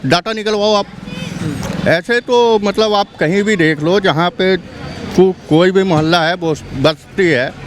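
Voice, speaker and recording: A man from Bihar giving his opinion on the street in an emphatic, repetitive way. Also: high voice. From Bihar, India. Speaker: interviewee. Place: outdoors on a city street. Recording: street traffic noise.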